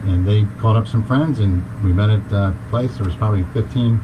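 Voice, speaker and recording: A man, a guest in an interview, telling a story in a relaxed, rambling way with many fillers. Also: on the low side, fairly quick, lo-fi sound. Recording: noisy background hiss.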